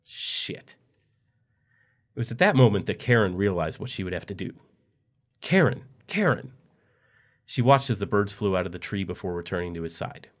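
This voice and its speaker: A man reading a dark story aloud in a steady, matter-of-fact narration. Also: deep voice, quick pace, hardly any pauses.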